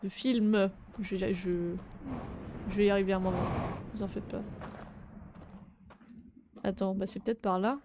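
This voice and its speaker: Young adult woman streamer, casual game commentary, mid pitch, talkative with sudden loud outbursts, faint background noise. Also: fairly even intonation, a little slow, pauses often. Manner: chatty, swears, sudden loud exclamations.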